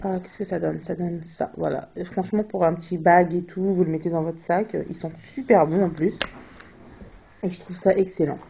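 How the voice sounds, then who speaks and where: A woman's voice: on the low side, steady tone, normal speed, vocal fry, dark tone, husky. A young woman chatting casually about her recent beauty purchases, hesitant, with many fillers and restarts, recorded on a phone. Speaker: beauty vlogger. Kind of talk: casual product haul chat. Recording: dull lo-fi phone video.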